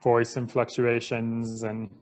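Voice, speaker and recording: A man from Michigan chatting as a podcast guest, relaxed and full of "like" fillers. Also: mid-range voice, slow. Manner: relaxed, filler-heavy, lots of "like". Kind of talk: casual interview chat.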